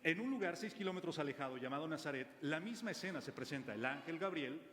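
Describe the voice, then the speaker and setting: A man preaching a sermon to a congregation, animated and joking, slowing down when he quotes scripture. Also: a little high, a little hiss or hum. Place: church hall. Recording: long church hall reverb.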